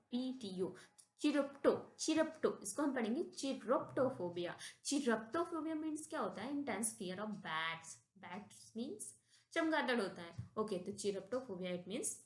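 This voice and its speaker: Slow, echoey Indian woman teacher. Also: medium pitch. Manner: thinks aloud, corrects herself and asks rhetorical questions. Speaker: English vocabulary teacher. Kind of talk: slow classroom-style explanation mixing Hindi and English.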